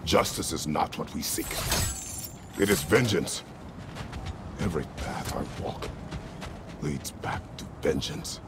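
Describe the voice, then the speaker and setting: An actor playing a stern, weary warrior father in a video game, speaking in terse, solemn phrases with a gravelly voice. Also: extremely low pitch, animated, takes it slowly, long pauses, background noise, exaggerated voice. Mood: grim resolve. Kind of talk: video game drama acting.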